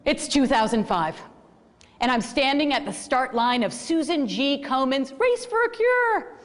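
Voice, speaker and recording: Woman, high voice, slow measured narration, long reverb. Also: lively intonation. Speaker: storyteller recounting a race. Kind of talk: scripted narration.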